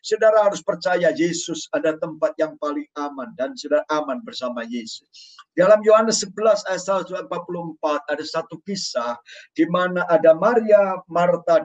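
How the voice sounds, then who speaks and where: Joking, animated male pastor preaching. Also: high voice. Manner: animated, joking preaching with dramatic quoted voices. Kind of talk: sermon. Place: church. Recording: dull sound from a distance.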